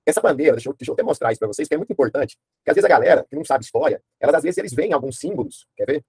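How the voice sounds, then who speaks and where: A man teaching a history class online in a fast, casual way, often asking his students questions and using slang. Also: fairly high pitch, lively intonation, a little mellow, breathy edge, no room sound.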